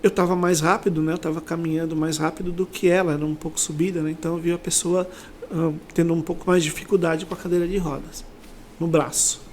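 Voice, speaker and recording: Speaking quickly in a level, slightly high and darkish voice, this middle-aged Brazilian sales director is a guest on an interview. He recounts motivational episodes from his own life in a thoughtful, chatty manner, frequently seeking agreement. A faint hiss or hum sits under the recording.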